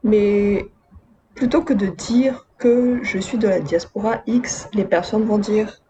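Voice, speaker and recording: Slow and fairly even in intonation, this woman's mid-range voice has a dark tone, with slight background noise behind it. A video essayist originally from Madagascar who grew up in Côte d'Ivoire and France, she gives her audience easygoing commentary laced with chatty, wry slang.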